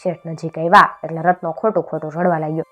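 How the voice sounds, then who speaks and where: A woman's voice: deep voice, quick pace, highs cut off, soft background music. Woman storyteller. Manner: lively, playful storytelling. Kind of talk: folk comedy story narration.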